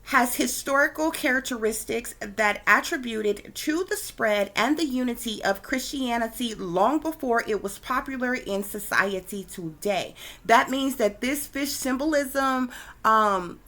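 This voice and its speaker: A woman's voice: on the high side, a little slow, a bit bright. A woman hosting a spiritual video, talking loosely with frequent fillers, restarts and a habit of asking "okay?". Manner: repeats "okay?" often, with many fillers and restarts. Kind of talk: casual spoken video lecture.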